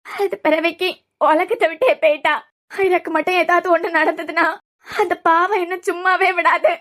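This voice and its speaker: A woman's voice: extremely high pitch, steady tone, normal speed, a bit bright. A woman voicing a grieving older grandmother in a cartoon serial, speaking sorrowfully with a Kanyakumari Tamil accent.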